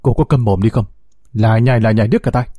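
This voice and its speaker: A man's voice: lowish voice, fast, no echo, studio quality, close to an everyday voice. A man voicing a domineering village father who hurls insults and threats at his wife and the kidnappers. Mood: raging. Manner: shouting insults, hissing threats. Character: hot-tempered domineering father, coarse and threatening.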